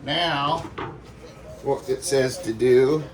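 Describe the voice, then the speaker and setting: A man's voice: medium pitch, drawn-out words. A man giving a casual, folksy cooking demonstration in a playful way, as a home cook talking viewers through a recipe. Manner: folksy, playful sound words and exclamations. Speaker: home cook presenting a cook-along. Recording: distant mic, faint background noise.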